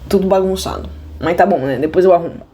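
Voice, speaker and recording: A woman with a Brazilian Portuguese accent works through a math lesson from her desk. She talks straight to her viewers in slang, jokes and breaks off into restless asides. Her voice is mellow and warm. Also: on the low side, fast, a little hiss or hum. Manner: restless, many restarts and asides. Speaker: math teacher. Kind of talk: casual video math lesson. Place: at a desk indoors.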